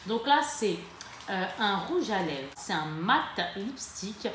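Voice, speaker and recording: A woman chatting casually to camera in a beauty haul, lively and full of fillers and self-corrections. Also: medium pitch, takes it slowly. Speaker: beauty vlogger. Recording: echoey room with faint ambient noise.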